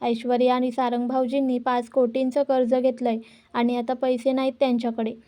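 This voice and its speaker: Firm, earnest young wife, high, steady voice, as a woman reads her part. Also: a little fast, close to an everyday voice. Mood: firm pleading. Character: firm, devoted young wife pleading for family.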